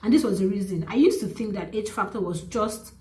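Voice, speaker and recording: A young woman with a Nigerian accent, telling a personal story to the camera in an earnest, animated way, restarting often and jumping up in pitch for emphasis. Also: a little fast. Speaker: vlogger. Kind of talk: casual storytelling. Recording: echoey room.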